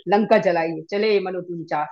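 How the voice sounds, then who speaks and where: A woman's voice: fairly low pitch, moderate pace, darkish tone, muffled recording. A woman attending a scripture class who cuts in from the audience.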